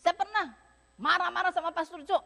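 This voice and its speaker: Indonesian lady pastor preaching, high voice, lots of english words tossed in, echoey church. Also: brisk, gravelly, pushed and bright. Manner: mixes English phrases into preaching, repeats key words. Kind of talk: sermon. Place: church hall.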